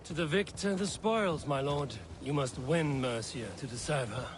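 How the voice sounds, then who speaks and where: An actor playing a cool, wry Viking warrior in a video game, speaking with controlled, mocking menace. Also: male voice, a little high, normal speed, very noisy, lightly acted. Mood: cool triumph. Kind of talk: understated video game acting.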